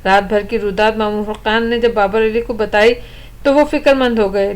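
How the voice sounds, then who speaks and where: Woman narrating a horror story. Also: on the high side. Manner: steady, measured storytelling.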